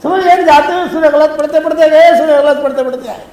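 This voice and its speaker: A man's voice: very high-pitched, a little mellow. A male preacher giving a sermon, telling stories with acted dialogue and pressing his listeners to promise things. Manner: storytelling, acts out dialogues; keeps asking the audience for promises. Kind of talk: Islamic sermon. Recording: echoey hall, faint noise.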